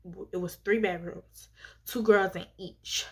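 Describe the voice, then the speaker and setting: A young adult woman with a medium-pitched voice talks casually to her viewers as a vlogger. She tells a personal story in a chatty, gossipy storytime manner, full of asides and emphatic swings. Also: fairly even intonation, a little slow, slightly rough.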